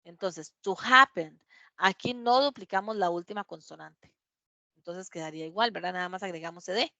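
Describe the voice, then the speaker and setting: Woman, English teacher, dry sound, slow careful examples. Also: on the low side, pushed and bright, no room sound, lo-fi sound. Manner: reads English examples aloud slowly, checks with "¿verdad?". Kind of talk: classroom grammar explanation. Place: classroom.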